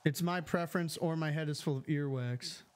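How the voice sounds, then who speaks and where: Chatting casually during a live game stream at home, this man reads out viewer messages and responds to them. His voice is on the high side at a normal speed, picked up by a filtered studio mic.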